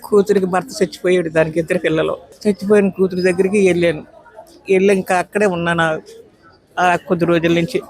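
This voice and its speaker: A woman's voice: fairly low pitch, fairly even intonation, fast, a little mellow. A woman in her nineties, an elderly petitioner, giving a long, pleading account of her grievances in an interview. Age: 90s. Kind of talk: emotional interview testimony.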